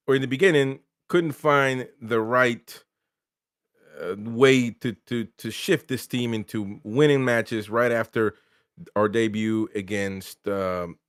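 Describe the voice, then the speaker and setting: A man hosting a live football match reaction show, talking in an emphatic, excited way with repeated exclamations. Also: lowish voice, clear, resonant tone, dry recording, clean studio sound.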